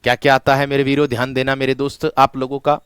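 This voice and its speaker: A man's voice: mid-range voice, completely flat delivery, fast talker, a bit bright, clean tone, no echo, studio quality. A male teacher giving an online exam-prep lecture, repeating each point and asking students questions he then answers himself. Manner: repetitive call-and-response questioning, addressing students as friend.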